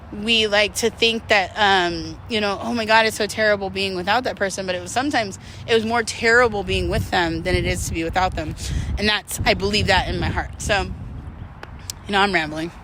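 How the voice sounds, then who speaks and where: A woman vlogger with a medium-pitched, fairly bright voice, plus a little hiss or hum, chats casually to her viewers. Her confessional talk to camera is rambling, frank, self-deprecating and laced with swearing.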